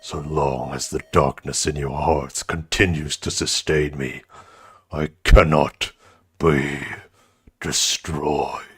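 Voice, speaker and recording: A man voicing an ancient, menacing dragon with contempt for humans, husky and grandiose in a slow video game villain delivery. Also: rumbling low, fairly even intonation, fairly bright tone, voice pushed down, exaggerated voice. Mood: defiant, ominous. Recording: game music behind the voice.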